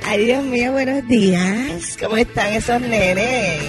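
A man's voice: very high-pitched, measured pace. A man playing a chatty, theatrical woman who hosts an advice segment in a comedy radio sketch, exclaiming often. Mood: gossipy. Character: brassy gossiping woman advice-segment hostess. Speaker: advice segment host character. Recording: music playing behind.

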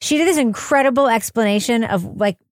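A woman hosting a podcast, chatty and animated, sometimes giggly. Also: a little high, brisk, dry recording, studio quality. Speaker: podcast host. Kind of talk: casual podcast chat and read promo.

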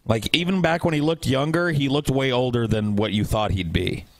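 A man's voice: mid-range voice, moderate pace. A man in his thirties co-hosting a podcast, blunt and wry, swearing casually. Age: 30s. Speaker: podcast co-host.

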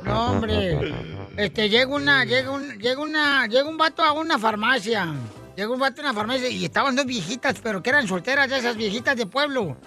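A man's voice: extremely high pitch, pushed and bright, faint music behind. A man hosting a comedic radio show, telling jokes and laughing in a playful way. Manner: joking, playful, quick to laugh.

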